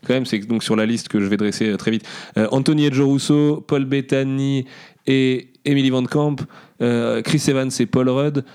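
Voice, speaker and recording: A man's voice: medium pitch, steady tone, a little mellow, clear, resonant tone. A young man hosting a casual podcast chat, joking and steering the talk along. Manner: quick, joking, drives the conversation. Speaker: podcast host.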